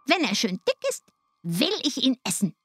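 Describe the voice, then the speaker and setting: A woman voicing a cruel, greedy old witch in a storybook reading, with a high shrill scolding voice. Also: wildly swooping pitch, moderate pace, breathy edge, dry recording, studio quality, soft background music, heavily acted.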